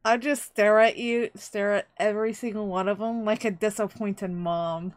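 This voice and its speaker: A woman player describing her character's actions in a tabletop game, deadpan and swearing. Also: mid-range voice, normal speed, no room sound. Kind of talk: tabletop game role-play.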